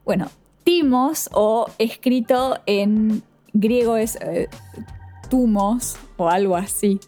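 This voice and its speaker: A woman's voice: fairly high pitch, slow, warm tone, faint music behind. Chatty woman. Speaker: podcast co-host. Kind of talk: casual film discussion.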